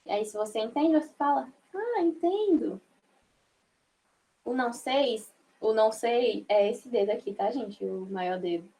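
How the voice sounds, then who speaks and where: A woman's voice: a little high, mellow. A young woman from Brazil teaching a sign language class online, explaining step by step and checking in with her students often. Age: young adult. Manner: slow, patient, frequent check-ins with the class.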